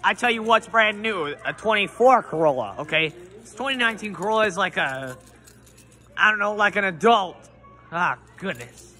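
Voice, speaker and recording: Teen boy, bright sharp voice, goofy improvised role-play, mock-grumpy rants, phone at arm's length outdoors. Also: high-pitched, expressive, normal speed. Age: teens. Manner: playful, rambling, mock-grumpy outbursts. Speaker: vlogger. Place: covered outdoor school walkway. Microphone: phone held at arm's length.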